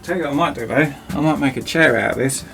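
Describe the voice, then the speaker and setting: Chatty gravelly-voiced man in a workshop. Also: mid-range voice, quick pace, a bit bright, soft background music. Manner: chatty, rambling, self-mocking. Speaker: DIY video host. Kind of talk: casual workshop chat. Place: cramped home workshop.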